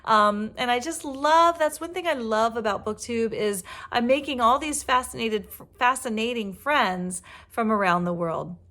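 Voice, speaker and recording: A woman's voice: on the high side, measured pace, few pauses. A middle-aged woman talks about books in a casual, rambling way, full of fillers and restarts. She sounds tired after a long workday. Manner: chatty, warm, many fillers and restarts. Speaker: book vlogger and reading teacher. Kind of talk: casual chat to camera.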